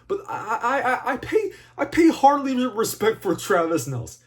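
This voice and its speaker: A man rambling through a casual, profanity-laced movie review, swinging between excited and mumbling. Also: extremely high pitch, normal speed. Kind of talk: casual video commentary.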